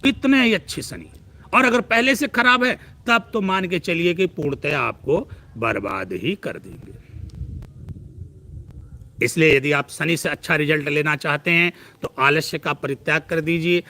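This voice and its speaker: A man's voice: a little high, a little slow, pushed and bright. A man giving a preachy live-stream astrology talk who piles up long lists of words.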